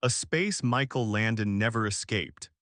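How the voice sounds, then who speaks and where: A man reading a scripted documentary narration in a measured, dramatic storytelling manner. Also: on the low side, fairly bright tone, no echo, clean studio sound.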